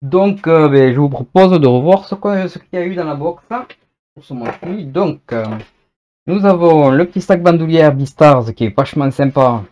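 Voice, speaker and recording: A man hosting a casual unboxing video, chatting and thinking aloud as he goes, slowing down to read out product text. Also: fairly high pitch, a little mellow, lo-fi sound.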